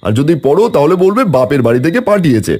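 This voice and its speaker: A man voicing a soft-hearted young farmer husband in a cartoon, coaxing and reassuring his wife. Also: fairly high pitch, sing-song, rapid-fire. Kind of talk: cartoon voice acting.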